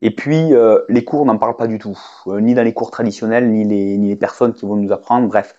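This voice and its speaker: A man's voice: fairly low pitch, fairly even intonation, brisk, warm tone, muffled recording. A French-speaking man giving a casual spoken lesson to camera, hesitant, with many fillers and restarts. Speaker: English teacher.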